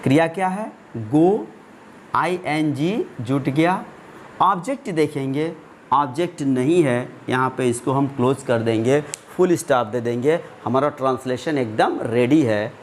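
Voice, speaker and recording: Slow, deliberate male grammar teacher. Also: medium pitch, expressive, slight background noise. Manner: slow, deliberate, asks and answers his own questions; stretches out English example words. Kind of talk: classroom-style grammar lesson.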